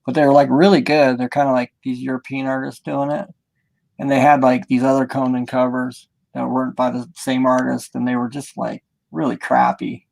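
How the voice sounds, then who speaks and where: Very gravelly, creaky man in casual chat. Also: medium pitch, little pitch movement, moderate pace, darkish tone. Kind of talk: casual chat, joking and swearing.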